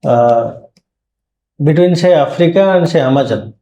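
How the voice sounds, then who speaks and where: A man's voice: a little high, normal speed, warm tone, muffled recording. A man with an Indian accent putting questions as a panelist in a formal interview. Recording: echoey room.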